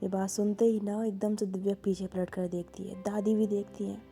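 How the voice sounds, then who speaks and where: A woman's voice: medium pitch, level tone, brisk, dark tone, soft background music. A woman narrating a love story in a conversational, chatty storytelling manner. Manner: conversational, filler-laden storytelling.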